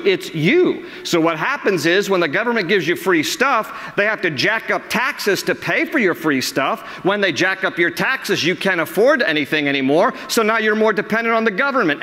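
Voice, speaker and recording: A pastor delivers an emphatic sermon from the pulpit of a large church sanctuary, reading quotations aloud. His voice is high-pitched and sharp, and the recording has a long hall reverb.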